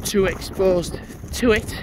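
A man vlogs casually while walking snowy paths beside a stadium, holding his camera, thinking aloud and reading signs along the way. His voice is high-pitched and slow, and wind noise hits the outdoor mic.

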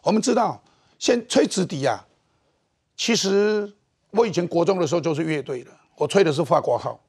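A middle-aged man with a Taiwanese Mandarin accent, hosting a political talk show with animated, mocking commentary. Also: fairly high pitch, fairly quick, slightly rough.

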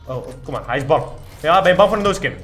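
A man's voice: fairly high pitch, lively intonation, very fast, fairly bright tone, soft background music. A young man giving boastful, trash-talking commentary over his own gameplay. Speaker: gaming YouTuber.

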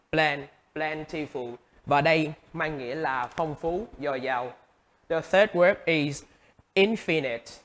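A male English teacher with a Vietnamese accent teaching vocabulary, repeating each word several times and stressing its syllables. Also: on the high side. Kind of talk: vocabulary lesson.

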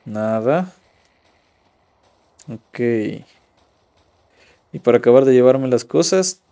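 A young man from Ecuador streams a mobile survival game, talking casually as he loots and reads chat aloud. His voice has a gravelly, fry-edged texture at an ordinary middle pitch. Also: expressive, slow pace, warm tone. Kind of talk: live mobile game commentary.

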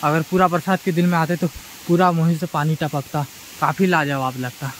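On rural roads and a forest trail, a tired travel vlogger from Chhattisgarh chats to viewers he calls "guys" as he rides a bike and hikes, recording with a body-worn camera. His voice is a little high and steady in tone, delivered at normal speed. The low-quality recording carries a little hiss or hum.

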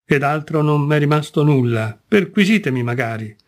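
Brief: man reading a defensive, offended young woman from a classic story, indignant and quick. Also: on the high side, expressive, lightly acted. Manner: indignant, pleading, flustered.

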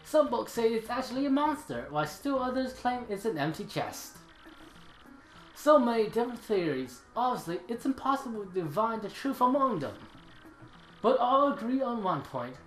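A fussy, bookish old male Goomba professor from a video game, excitable and forgetful , acted out by a man. The room echoes and faint game music plays behind. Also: extremely high pitch, normal speed, pitched above the performer's own voice, full character voice. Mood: lecturing.

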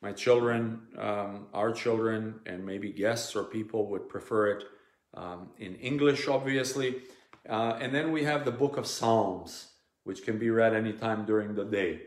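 A Serbian priest in his forties, a native Serbian speaker talking English with a Serbian accent, earnestly and plainly shows parishioners things at home in his living room as informal teaching, with many ums and restarts. His voice is fairly low and measured. A device camera at close range records him, and the room sounds echoey.

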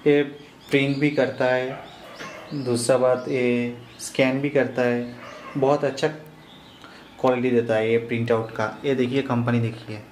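A man's voice: medium pitch, a little hiss or hum. A young man in his twenties, a shop owner, casually showing viewers around his small cyber cafe and listing its services one by one. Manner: plain, listing items one by one. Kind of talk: casual shop tour vlog. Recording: echoey small room with faint ambience.

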